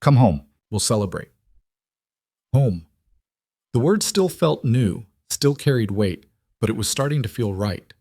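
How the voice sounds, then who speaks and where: A man narrating a fictional story in an even, measured storytelling manner. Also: mid-range voice, dry recording, clean studio sound.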